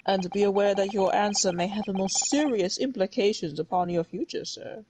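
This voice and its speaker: A woman's voice: medium pitch, normal speed, background noise. A woman game streamer in a casual let's play, reading formal game dialogue aloud in a playful mock-formal way with slangy asides. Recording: loud game music behind voice. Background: game music.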